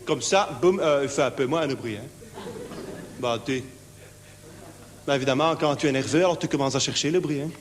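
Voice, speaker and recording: Actor doing a high-strung Belgian insomniac, rambling with tics, live in a reverberant theatre. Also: male voice, moderate pace, long pauses, slight background noise, natural voice. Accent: Belgian French. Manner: fidgety, rambling, full of verbal tics. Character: nervous naive lonely insomniac man. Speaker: stage comedian. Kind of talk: one-man stage show. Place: theatre stage with live audience.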